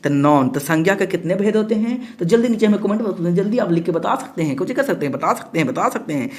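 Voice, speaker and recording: A man's voice: high-pitched, lively intonation, fast talker, darkish tone. Male tutor, jokey exam-prep lesson style, repeats each answer. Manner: playful, acts out student questions, repeats answers. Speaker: teacher.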